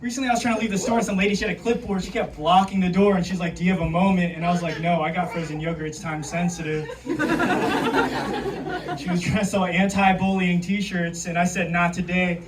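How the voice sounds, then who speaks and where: A man doing a stand-up comedy set with dry, deadpan one-liners and an understated delivery, with audience laughter between the jokes. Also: sits high, brisk. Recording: distant mic, loud background noise.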